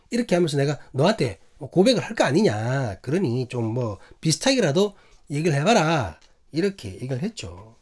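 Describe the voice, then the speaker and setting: A man's voice: on the high side, breathy edge. A male pastor with a Gyeongsang accent, telling a personal story in a sermon, acting out quotes and asking the congregation questions. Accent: Gyeongsang Korean. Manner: animated, acts out quotes, asks the congregation questions.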